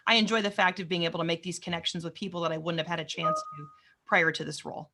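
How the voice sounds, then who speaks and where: A woman's voice: on the low side, steady tone, fast talker, background noise. A woman guest on a podcast interview, talkative, jokey and enthusiastic. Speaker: podcast guest, cloud advocate. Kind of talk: conversational interview.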